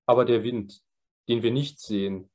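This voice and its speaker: A man voicing a calm old sage who speaks in a grave, measured teaching tone. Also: medium pitch, natural voice.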